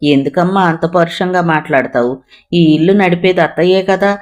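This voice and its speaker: A narrator voicing an earnest young woman, a dutiful daughter who speaks calmly and reasons gently but firmly. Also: medium pitch, normal speed, close to an everyday voice.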